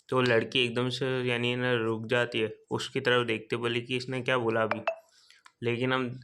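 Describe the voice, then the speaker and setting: A man casually retelling a manga chapter in speech, flat and full of fillers. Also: medium pitch, clear, resonant tone. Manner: retells quotes flatly with frequent fillers. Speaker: manga recap narrator. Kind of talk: casual storytelling recap.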